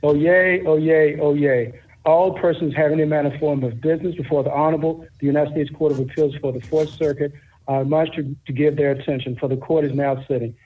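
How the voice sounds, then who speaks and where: A man's voice: on the high side, steady tone, husky. A man acting as court crier, opening a court session with a solemn, ritual proclamation. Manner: solemn, measured, ritual cadence. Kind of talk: formal ceremonial proclamation. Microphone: remote call audio. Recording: tinny phone-line audio.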